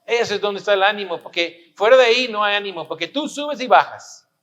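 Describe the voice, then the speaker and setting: A man's voice: high-pitched, lively intonation, fairly quick, fairly bright tone. A pastor preaching a sermon, pressing his listeners with rhetorical questions and repeating his points for emphasis.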